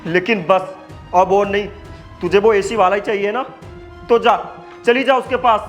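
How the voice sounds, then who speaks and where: A man's voice: high-pitched, fairly even intonation, moderate pace, faint music behind, natural voice. A young man acting as a suspicious husband in a comic skit, accusing and melodramatic.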